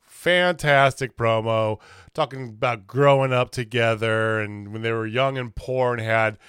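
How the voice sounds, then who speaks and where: A man's voice: medium pitch, measured pace, clean tone, no room sound, studio quality. A man co-hosting a podcast, retelling a wrestling segment in casual chat, acting out quotes and laughing often. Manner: animated storyteller, laughs often, acts out quotes. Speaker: podcast co-host.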